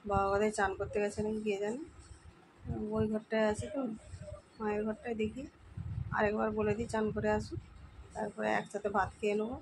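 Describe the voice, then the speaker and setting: A woman with a West Bengal Bengali accent chatting casually at home in a daily vlog, her voice slightly hoarse, often trailing off as she talks. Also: mid-range voice, little pitch movement, brisk, pauses often, background noise. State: voice going hoarse from the heat. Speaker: housewife vlogger. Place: at home, indoors.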